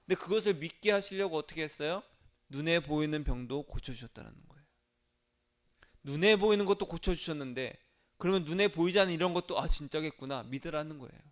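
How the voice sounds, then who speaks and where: A male pastor preaching a sermon earnestly, moving between hushed intimate passages and raised urgent appeals, acting out quoted prayers in his own voice. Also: on the high side, fast talker.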